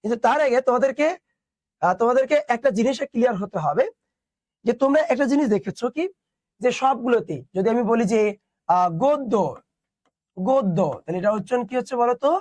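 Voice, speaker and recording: A man's voice: very high voice, fast, a little mellow, no room sound. A young man teaching an online class, explaining step by step and asking his students questions.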